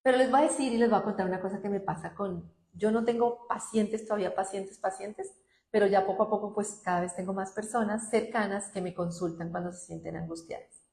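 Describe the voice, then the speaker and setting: A middle-aged woman, speaking conversationally as a guest about calming the mind, lively and acting out quoted voices. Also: fairly quick, gravelly, reverberant. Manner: animated, acts out quoted voices with high-pitched outbursts. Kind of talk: conversational talk.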